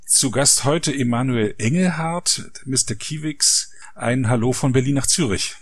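A man hosting a casual podcast interview, talking in a relaxed, conversational way. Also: mid-range voice, measured pace, no echo. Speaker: podcast host.

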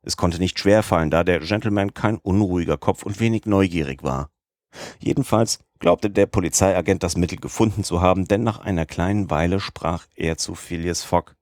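A man reading a novel aloud as an audiobook narrator, in a measured, even delivery. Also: low voice, no room sound, clean studio sound. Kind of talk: scripted narration.

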